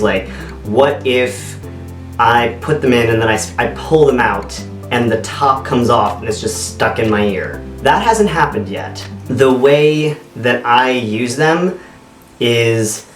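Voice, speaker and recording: A man giving a casual, halting, conversational product review to camera in an echoey apartment room. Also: mid-range voice. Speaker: video reviewer. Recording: echoey bare apartment, distant mic, faint music.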